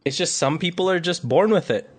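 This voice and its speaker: Halting, word-searching male co-host. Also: a little high, expressive, breathy edge. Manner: halting, searching for words, lots of fillers. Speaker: podcast co-host. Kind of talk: casual podcast chat.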